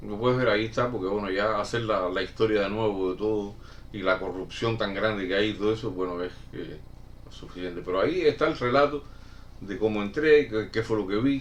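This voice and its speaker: A middle-aged man from Cuba chatting casually as a channel host, answering viewer questions with many pauses, fillers and restarts. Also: lowish voice. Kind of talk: casual chat. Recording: somewhat distant mic with faint room noise.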